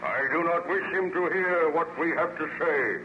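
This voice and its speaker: An actor playing an artificial monster, a bitter lonely outcast, in formal declamatory old radio serial style with dramatic pauses. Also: male voice, fairly high pitch, natural voice. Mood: menacing. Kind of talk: 1930s-40s radio serial acting. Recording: noisy muffled old radio recording.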